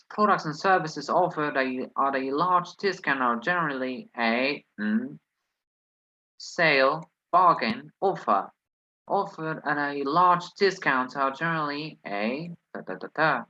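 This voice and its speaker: A man who isn't a native English speaker teaches an online lesson, hesitantly thinking aloud through exercises and using many fillers, especially "well." His voice is on the high side, sharp and lively in intonation, a little slow. The sound is lo-fi.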